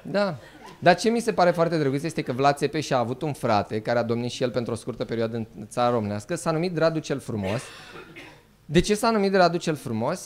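A man performing a stand-up comedy set, animated and mock-outraged, jumping into quick character voices. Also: fairly high pitch. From Romania. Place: live comedy venue.

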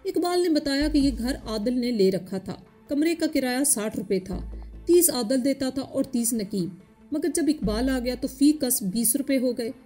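A woman reading a story aloud as the narrator, in a steady, even voice. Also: high-pitched, measured pace, soft background music.

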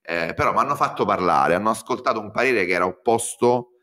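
A man chatting casually as a guest, telling lively stories and swearing freely. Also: fairly low pitch, fairly quick. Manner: animated storytelling, swears freely. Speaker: guest commentator. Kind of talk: casual chat.

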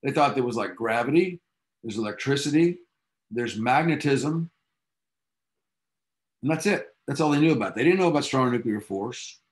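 A man's animated, medium-pitched voice moves at a normal speed but with long pauses. He's a physics teacher lecturing his class, spinning science history into enthusiastic, chatty stories with casual asides, and the sound suggests a classroom.

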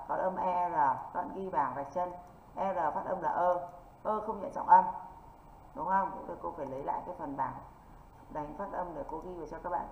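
A northern Vietnamese woman teaches an exam-prep English class, drilling rules and tossing quick check-in questions at her students. Her voice sits a little low. The sound is echoey and dull, with faint hiss behind it. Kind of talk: online exam-prep lesson.

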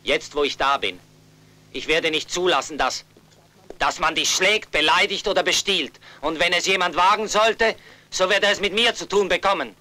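A man's voice: high-pitched, normal speed, pushed and bright, rough recording. A man dubbing a young adult younger brother, earnest and insistent, protective of his family. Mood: determined. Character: protective younger brother, a fighter back home. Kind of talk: German film dub.

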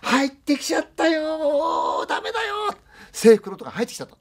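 A man's voice: huge pitch swings, brisk, vocal fry, fairly bright tone, heavily acted. A man voicing a shrieking frightened old grandmother. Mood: panicked. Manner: shrill frantic cries. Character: terrified old grandmother crying out in panic. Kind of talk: spoken ghost story.

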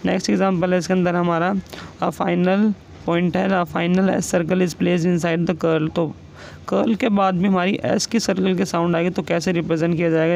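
High gravelly male shorthand teacher. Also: a little mellow, a little hiss or hum, low-quality recording. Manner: dictates each example word slowly and repeats it. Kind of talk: classroom explanation.

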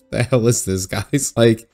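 A man's voice: fairly low pitch, slow pace, darkish tone, faint music behind. Guy doing a jokey sarcastic game recap, laughs a lot, regular voice. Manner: sarcastic, joking, laughs often. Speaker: gaming video host. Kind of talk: narrated gameplay recap.

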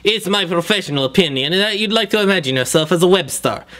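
A man playing an unhinged male psychiatrist who is a VHS tape, speaking through a face mask in a deadpan clinical manner in a comedy sketch. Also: sits high, fast talker. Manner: deadpan clinical calm turning deranged.

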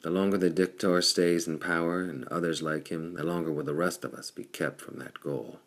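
Male narrator doing a resolute pirate captain: very low, gravelly, earnest. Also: fairly even intonation, moderate pace. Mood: determined. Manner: earnest, determined. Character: bold red-haired pirate chief, adult male, defiant.

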